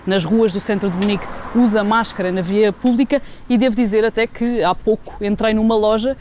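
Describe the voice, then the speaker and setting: A woman's voice: mid-range voice, steady tone, fairly quick, a little mellow. Portuguese woman reporting, faint noise behind. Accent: European Portuguese. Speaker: sports journalist, special correspondent. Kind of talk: live spoken report, semi-spontaneous.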